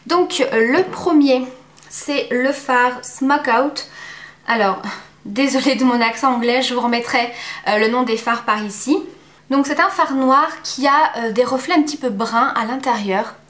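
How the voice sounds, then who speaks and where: Woman chatting through a makeup review, kinda high voice, echoey room. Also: fairly bright tone. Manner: chatty, many filler pauses. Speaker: beauty vlogger.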